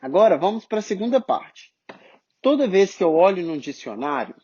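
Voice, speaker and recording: A man with a Brazilian Portuguese accent teaching English pronunciation, explaining step by step and drawing out sounds slowly to demonstrate them. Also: sits high, very animated, a little mellow, breathy edge, muffled recording. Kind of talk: online phonetics lesson.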